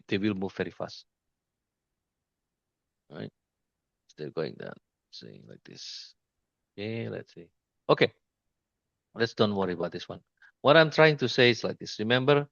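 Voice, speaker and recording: A man giving an informal screen-share trading lesson, speaking haltingly with many restarts and repeated pointers to the chart. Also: on the low side, vocal fry, fairly bright tone, dry recording, lo-fi sound. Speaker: trading mentor.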